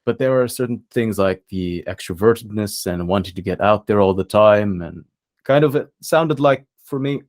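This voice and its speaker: A young man from the Philippines, a podcast guest, talking casually and thoughtfully with many pauses and fillers. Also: lowish voice, a little mellow.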